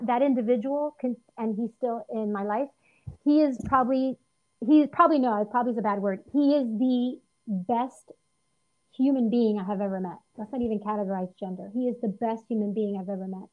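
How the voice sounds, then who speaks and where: Earnest higher-voiced woman, lo-fi sound. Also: brisk. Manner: earnest, lively, frequent restarts and fillers. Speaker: interview guest. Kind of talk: personal storytelling in conversation.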